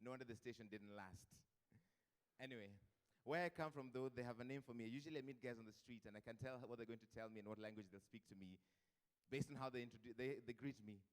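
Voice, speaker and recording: A man's voice: mid-range voice, fast talker. A man with a Kenyan accent hosting a live event, chatty and joking, mixing Swahili into his English. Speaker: event host. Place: event hall with a live audience. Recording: long hall reverb.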